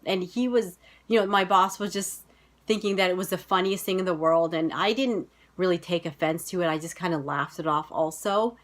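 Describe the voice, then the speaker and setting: Speaking at a normal speed in a lowish voice, a woman in her thirties from the United States recounts personal stories for a casual vlog. She has a General American accent and a chatty style packed with "you know" and "like."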